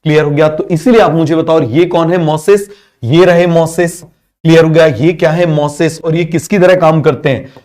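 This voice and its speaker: A man's voice: a little high, fairly even intonation, moderate pace, darkish tone. A male teacher giving a biology class, asking constant questions, having students repeat answers, and mixing English terms into Hindi.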